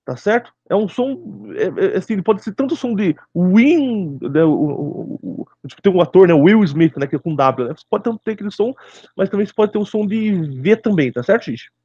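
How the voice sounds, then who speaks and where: A man's voice: sits high, lively intonation, moderate pace, dark tone, husky, no echo, muffled recording. A man with a Brazilian accent, teaching in a casual monologue and often checking in with his viewers. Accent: Brazilian Portuguese. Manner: keeps asking "tá certo, gente?" and addresses viewers directly. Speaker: religious video teacher.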